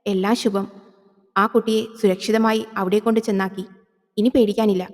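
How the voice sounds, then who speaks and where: A woman's voice: mid-range voice, level tone, normal speed, in a large hall, close to an everyday voice. A woman voicing a loyal, anxious male assistant to a priest in a horror audio drama, speaking deferentially and eagerly.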